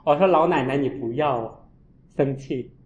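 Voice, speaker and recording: A man, a Buddhist monk, giving a storytelling dharma talk and acting out his own scolding with sharp jumps in voice. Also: medium pitch, unhurried. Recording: echoey, dull lo-fi room.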